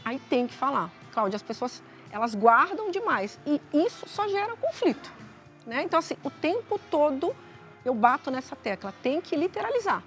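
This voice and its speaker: Brazilian woman guest therapist, high voice, calm explainer, faint music behind. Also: moderate pace. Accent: Brazilian Portuguese. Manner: calm, explanatory, frequent tag questions. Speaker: psychologist guest. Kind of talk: TV talk show advice.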